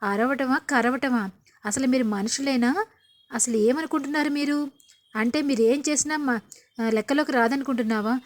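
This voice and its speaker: A woman's voice: sits high, normal speed, long pauses, natural voice. A woman doing a furious, accusing sister-in-law. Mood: indignant. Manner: shouting, sarcastic.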